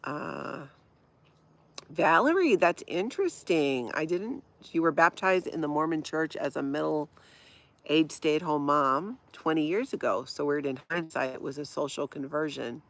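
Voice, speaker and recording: A middle-aged woman from Hawaii, carrying a light Minnesota accent, hosts a livestream casually, reading the chat and laughing often as she reacts to viewer comments. Her voice sits low, with lively intonation and a slightly slow pace.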